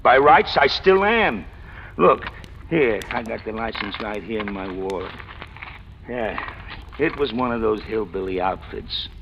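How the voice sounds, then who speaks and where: In a muffled, hissy recording of a 1940s-50s radio crime drama, an actor plays a talkative, self-deprecating former stick-up man who has done time and is cheerfully fatalistic about it. His lowish male voice is gravelly, folksy and slangy, expressive and a little slow, with a confiding, amused mood.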